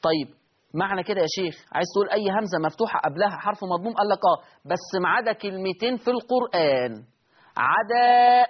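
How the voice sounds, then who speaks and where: A man's voice: high-pitched, breathy edge, dull audio. A man with an Egyptian accent teaching Quran recitation rules, asking and answering his own questions and stretching out the example words. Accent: Egyptian Arabic. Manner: drawn-out demonstrations of recited words. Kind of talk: Quran tajweed lesson.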